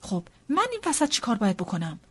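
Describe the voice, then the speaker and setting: A woman's voice: a little high, wildly swooping pitch, a bit bright, slightly rough, exaggerated voice. A woman doing a dry, ironic old father. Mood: wry. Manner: unhurried, ironic, measured. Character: calm, dry, wry older father. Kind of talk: audiobook character reading.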